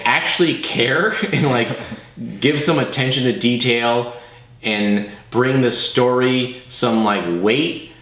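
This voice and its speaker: A man's voice: mid-range voice, a bit bright. A man co-hosting a casual movie review chat, talking like an enthusiastic fan with plenty of swearing and slang. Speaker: co-host of a movie review show. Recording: roomy, echoey room.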